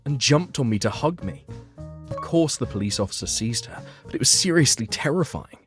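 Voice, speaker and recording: Animated and brisk, this medium-pitched male voice narrates a manga dub in the first person from a script, serving as narrator and lead character alike, with music in the background.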